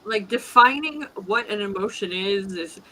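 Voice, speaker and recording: Bright, lively woman co-hosting a livestream. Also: mid-range voice, normal speed, rough recording. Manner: laughs often, teasing. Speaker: livestream co-host. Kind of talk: casual livestream chat.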